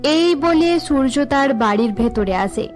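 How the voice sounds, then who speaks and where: High-voiced woman narrating a cartoon story. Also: soft background music. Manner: even, measured telling.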